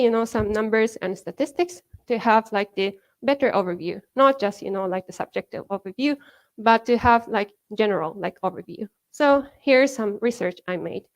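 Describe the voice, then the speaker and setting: This rough recording captures a Japanese-accented woman from Japan presenting at a conference in a hall. Her medium-pitched voice moves at a normal speed as she chats casually, leaning on "you know" and "like" and laughing now and then.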